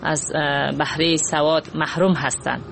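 A man's voice: on the high side, fairly even intonation, gravelly, a bit bright, slight background noise. A man with an Afghan accent speaking with concern in an interview answer.

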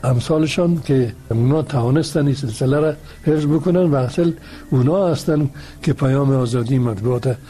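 A man's voice: medium pitch, warm tone. A male guest, answering an interview question earnestly and hesitantly, with frequent restarts.

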